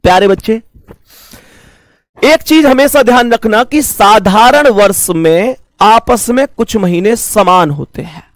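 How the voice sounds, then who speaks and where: Man teacher, high voice, slow repeated explanations, dry close sound. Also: dry recording. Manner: explains slowly, repeats points, addresses students fondly. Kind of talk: blackboard math lesson.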